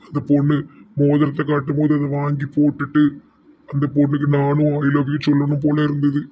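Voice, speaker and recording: A man with a Tirunelveli Tamil accent voicing a torn, soft-hearted young man in a cartoon, lamenting to god. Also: a little high, brisk, lo-fi sound, a little hiss or hum, close to an everyday voice. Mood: regretful. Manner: flat, lamenting, calls on god.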